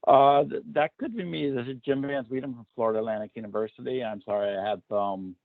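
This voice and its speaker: A man calling in by phone, talking in a quick, apologetic way. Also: medium pitch, no echo. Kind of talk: casual remarks from a phone line. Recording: tinny phone line.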